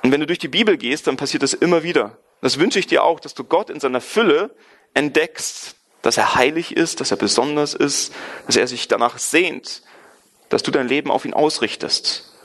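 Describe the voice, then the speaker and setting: A man's voice: fairly high pitch, moderate pace, fairly bright tone. A man from Germany giving an earnest, emphatic sermon, reading scripture aloud and stressing points by repetition. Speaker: preacher.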